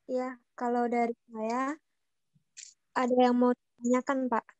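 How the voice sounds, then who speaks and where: A young woman student speaking softly and slowly in an online class, her voice dropping out over a bad connection. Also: fairly high pitch, little pitch movement, no echo, highs cut off.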